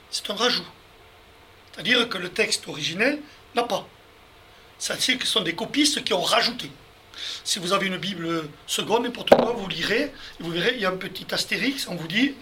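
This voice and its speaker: Here a male Bible teacher addresses his group head-on while unpacking verses in careful steps. His high voice has a bright, forceful tone, and slight background noise can be heard.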